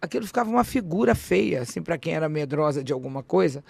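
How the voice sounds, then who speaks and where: Woman, podcast guest, animated storytelling, gravelly, close dry mic. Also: low voice, fast, no room sound. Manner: animated, acts out dialogue, frequent restarts. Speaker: interview guest. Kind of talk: personal storytelling in a podcast interview.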